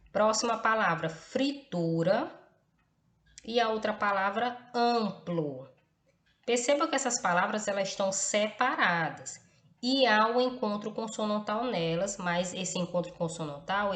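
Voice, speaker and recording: A woman teaching a class, patient and slow, checking in after nearly every phrase and spelling words out letter by letter. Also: fairly low pitch. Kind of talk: recorded class lesson. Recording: echoey room, faint background hiss.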